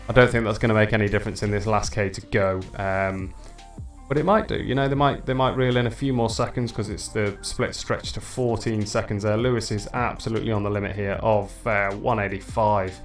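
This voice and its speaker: A man's voice: on the low side, brisk, faint music behind. Chatty man commentating a race. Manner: excitable, shouts at the finish, chatty with viewers. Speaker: livestream host commentating a virtual bike race.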